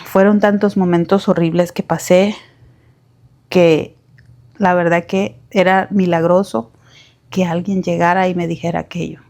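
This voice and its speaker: Woman narrator for a personal testimony, slow and heartfelt, pauses and searches for words. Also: fairly low pitch, flat delivery, a little mellow. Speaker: storyteller. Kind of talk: first-person emotional story narration.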